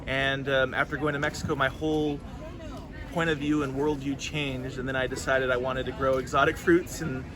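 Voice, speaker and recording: A California farmer in his thirties, a guest, answers interview questions earnestly at an outdoor farmers market, restarting often. His voice is medium-pitched and flat, at a moderate pace. Crowd noise, street sounds and traffic fill the background.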